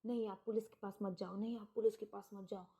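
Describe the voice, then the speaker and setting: A woman's voice: medium pitch, steady tone, quick pace, warm tone, natural voice. A woman storyteller voicing a frantic young woman who begs someone not to go to the police. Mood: pleading. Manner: urgent, repeated pleading. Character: frantic young daughter, clinging and insistent.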